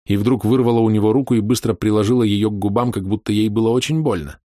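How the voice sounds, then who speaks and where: A man narrating an audiobook in a measured, even storytelling manner. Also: lowish voice, no echo, clean studio sound. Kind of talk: scripted narration.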